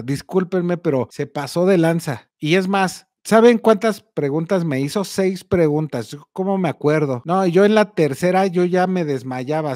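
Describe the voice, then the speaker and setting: High-voiced Mexican man telling a story. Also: dry recording, clean studio sound. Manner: lively, slangy, expressive retelling. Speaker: YouTuber. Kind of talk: casual storytelling to camera.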